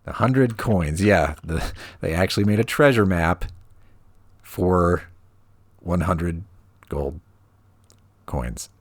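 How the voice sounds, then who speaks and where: A man casually commentating a video game he is playing, thinking aloud in a relaxed, wry way. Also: sits low, slow, pauses often, no room sound. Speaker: let's play host. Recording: audible rain noise behind voice.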